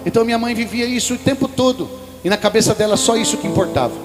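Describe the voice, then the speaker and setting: A man's voice: very high-pitched, quick pace. A Brazilian man preaching at a religious event, telling a personal story and speaking directly to the congregation. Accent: Brazilian Portuguese. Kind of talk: sermon. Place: large hall at a religious event. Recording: live hall reverb with music behind.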